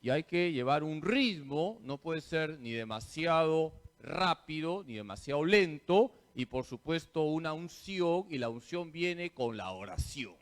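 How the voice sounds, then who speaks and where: Slow, lively priest teaching. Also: male voice, a little high. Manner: quizzes listeners with questions, then answers them himself; teacherly, repeats key points. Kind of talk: parish catechesis talk.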